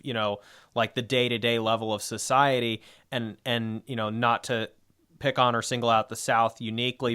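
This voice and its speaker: A man's voice: mid-range voice, a bit bright, smooth. A man co-hosting a history podcast, talking through ideas in a rambling, casual way with many fillers and restarts. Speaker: podcast co-host.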